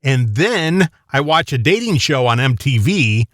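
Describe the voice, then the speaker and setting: A man's voice: mid-range voice, sing-song, unhurried, a bit bright, no echo, studio quality. A man co-hosting a talk show, joking and sounding incredulous. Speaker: radio co-host. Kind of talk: casual chat.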